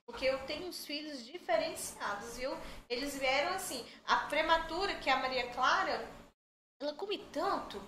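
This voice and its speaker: A woman's voice: sits high, moderate pace. A middle-aged woman telling stories as a podcast guest, chatty and joking. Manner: chatty, jokey, animated storyteller. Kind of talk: casual storytelling chat. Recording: echoey room, faint background noise.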